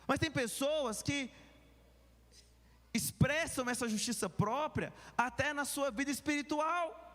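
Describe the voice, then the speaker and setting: A man with a Brazilian Portuguese accent preaching a sermon as pastor, shifting between quick asides and slow, stressed words. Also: very high voice, fairly bright tone. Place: large church hall. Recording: long reverb of a church hall.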